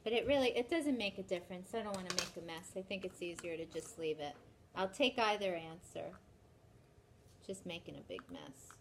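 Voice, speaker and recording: A woman's voice: lowish voice, a little fast, very noisy. A woman with a New York accent teaching chemistry in a classroom, working problems step by step and urging her students to try them.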